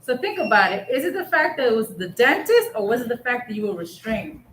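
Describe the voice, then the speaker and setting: A woman's voice: on the high side, very animated, brisk, fairly bright tone. Counselor woman in an echoey room. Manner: guiding, asks reflective questions. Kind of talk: group counseling. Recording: echoey room, faint noise.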